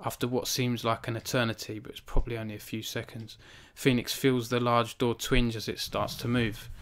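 His voice is medium in pitch, brisk and flat. He's a man in his thirties and an author, live-streaming from a small home room through a studio microphone on a stand before him, first reading his novel aloud, then chatting sincerely with viewers. The chat portion is self-conscious, with frequent restarts and fillers.

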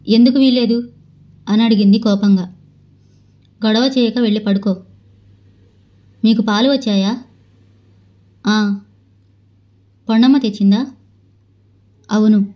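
Mellow-voiced woman narrating a novel. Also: medium pitch, low-quality recording. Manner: steady storytelling, reads all dialogue in her own voice. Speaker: audiobook narrator.

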